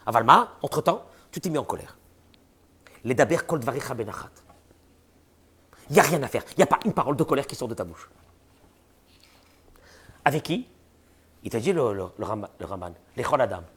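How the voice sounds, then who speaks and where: A man's voice: mid-range voice, fairly quick, pauses often, slightly rough. A man giving a religious lesson to listeners. He asks rhetorical questions and acts out the people he describes. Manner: animated, rhetorical questions, voices imagined people. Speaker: rabbi teaching a class.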